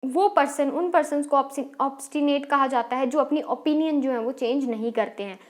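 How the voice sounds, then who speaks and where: High-voiced Indian teacher woman quizzing. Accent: Indian English. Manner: explains step by step, quizzing the class with quick questions. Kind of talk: exam-prep English lesson.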